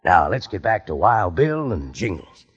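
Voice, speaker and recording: An actor playing a folksy cowboy pitchman who drawls heartily in an old radio commercial. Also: sing-song, a little slow. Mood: hearty. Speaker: ad announcer. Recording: slightly dull old radio recording.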